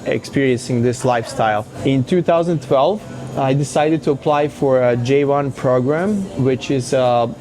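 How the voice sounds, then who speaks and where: A man in his thirties from Serbia, speaking as a café-owner guest in a casual interview, pausing often with fillers. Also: mid-range voice, a little mellow. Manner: hesitant, many fillers.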